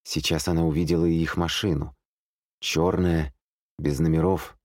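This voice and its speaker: Deep-voiced man narrating a thriller. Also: no echo, studio quality. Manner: calm, measured, suspenseful.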